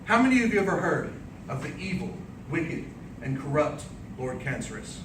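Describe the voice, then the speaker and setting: Pitched on the high side with big swings, a man gives a dramatic, declamatory story speech modeled on an epic tale at a speech contest, phrasing each line deliberately. Recorded from a distance in a roomy indoor space before an audience, the clip has plainly audible background noise.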